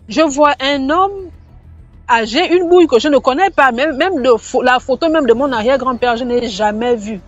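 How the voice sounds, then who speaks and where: A woman with a high-pitched voice tells a personal story in a loose, conversational way. She circles back, restarts her sentences and repeats words as she goes. The recording is a little dull, with faint music playing underneath. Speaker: storyteller sharing a personal testimony. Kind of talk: casual first-person storytelling. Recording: slightly muffled, faint background music.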